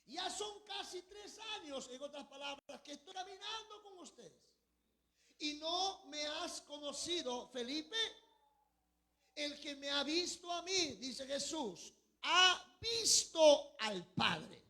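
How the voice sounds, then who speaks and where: A pastor preaching a sermon, asking the congregation to confirm and acting out quoted lines, with sudden loud bursts and drawn-out words. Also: male voice, very high-pitched, animated. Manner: acts out quoted lines in a dramatized voice; often asks the congregation to confirm.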